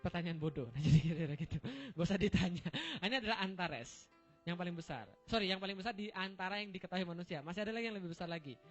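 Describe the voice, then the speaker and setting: A man's voice: sits high, rapid-fire. A man giving a humorous religious lecture to an audience, joking and quizzing them with rhetorical questions as he walks through slides. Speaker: preacher. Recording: dull lo-fi recording with faint music.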